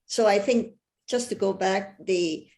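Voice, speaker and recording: A woman professor speaking as a panelist on a video call, deliberate and earnest. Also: medium pitch, gravelly, a little mellow. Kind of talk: online panel talk.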